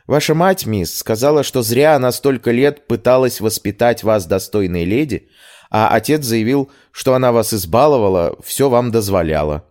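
A man's voice: mid-range voice, lively intonation, moderate pace, a little mellow, voice pushed up, lightly acted. A man voicing a loyal young maid in an audiobook, chatty and indignant, addressing her mistress deferentially. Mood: reporting.

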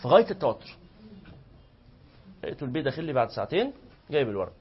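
This man speaks rapid-fire at a medium pitch, with the recording's highs cut off. With an Egyptian Arabic accent, he lectures a live class on religion, animatedly voicing both parties in the stories he tells.

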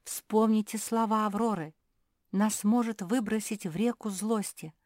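A woman voicing a calm female singer pug who settles a quarrel in a children's audiobook, speaking in a coaxing, reasonable way. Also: medium pitch, unhurried, dry recording, studio quality, pitched above the performer's own voice, natural voice.

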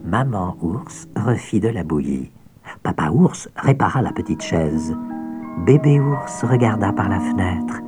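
A man narrating a children's audiobook with expressive storytelling and soft asides. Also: sits low, measured pace, music in the background.

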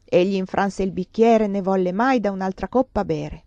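A woman's voice: mid-range voice, normal speed, dark tone, dry recording, natural voice. A woman reading the lines of a reckless, jealous young husband in a playful, impulsive manner, with a dull, muffled sound.

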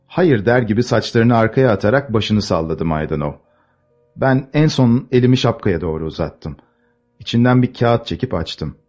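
A man narrating a classic novel as an audiobook, measured and expressive. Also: fairly low pitch, faint music behind.

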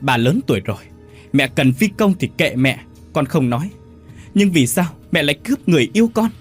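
A man's voice: mid-range voice, big pitch swings, moderate pace, soft background music. A man doing a furious betrayed young man. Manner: furious, shouting. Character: angry young man, betrayed lover and son.

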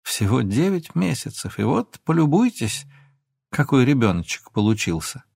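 A man narrating a story in an audiobook with measured, even storytelling. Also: mid-range voice, vocal fry, breathy edge, dry recording, clean studio sound. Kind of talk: scripted narration.

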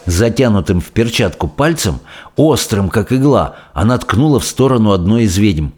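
A man narrating a storybook in an expressive, dramatic way. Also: lowish voice, moderate pace. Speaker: audiobook reader.

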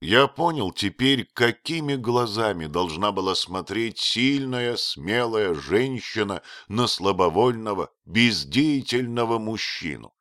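A man voicing a proud young husband and hunter, speaking in an earnest, measured way. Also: on the low side, expressive, a bit bright, no echo, studio quality. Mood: hesitant.

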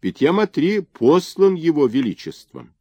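A man voicing a terrified, fawning old merchant who pleads and wails in a shrill voice. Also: very animated, a little slow, dry recording, muffled recording, full character voice. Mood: pleading. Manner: shrill, wailing pleas.

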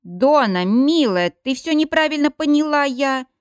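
A woman plays a lecherous, timid old man who pleads and stammers when caught out. The voice rises high and lively, with a close, dry sound. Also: a little slow, no echo. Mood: pleading.

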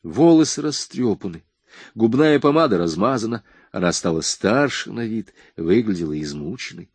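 A man narrating a crime novel audiobook in a measured, even reading. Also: fairly low pitch, husky, no room sound.

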